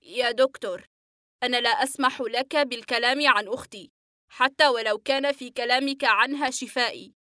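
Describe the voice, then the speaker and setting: A woman's voice: fairly high pitch, normal speed, smooth, no room sound, clean studio sound. A woman reading the part of an agitated male patient in an audiobook, breathless and trembling as she voices him. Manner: breathless, trembling, flaring into shouts.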